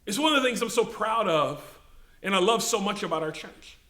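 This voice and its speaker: Pastor, high lively preaching voice, bright tone, echoey church room, builds and slows for emphasis. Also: male voice. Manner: preaching with rising, emphatic swells and slow, stressed repetition. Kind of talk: sermon. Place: church sanctuary.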